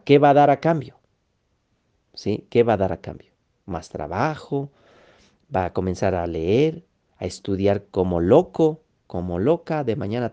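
A man's voice: lowish voice, mellow, lo-fi sound. A man giving a motivational lecture, emphatic, repeating key phrases and checking in with his listeners. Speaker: motivational speaker.

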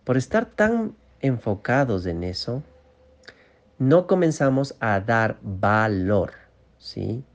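Man, course instructor, guided mindfulness lesson, very slow delivery, repetitive, gently coaching. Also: medium pitch, very animated.

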